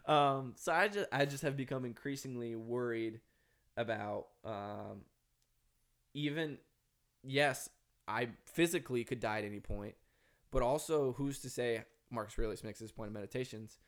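A man's voice: mid-range voice, normal speed. A man with a Minnesota accent speaking earnestly and reflectively as an author guest in a podcast conversation. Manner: earnest, philosophical, emphatic.

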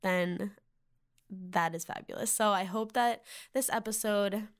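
A woman's voice: mid-range voice, steady tone, measured pace. A young woman in her twenties with a Valley Girl accent, hosting a casual solo podcast, rambling and filling her talk with "like". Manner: rambling, heavy use of "like" fillers. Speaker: podcast host.

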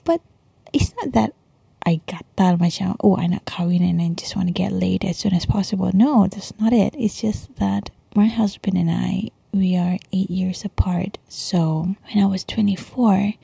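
A Malaysian woman speaks in a very breathy, whispery hush with a crackly edge. She chats casually like a late-night podcaster confiding in listeners, slipping in Malay slang. The sound is close and dry. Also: medium pitch, steady tone, unhurried, no room sound. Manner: hushed, chatty, peppered with Malay slang and "lah". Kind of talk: casual confessional monologue, mostly whispered. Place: quiet bedroom at home at night.

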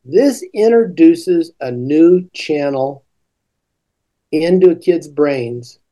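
An older man, a teaching coach, explaining classroom ideas slowly in a relaxed podcast conversation. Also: a little high.

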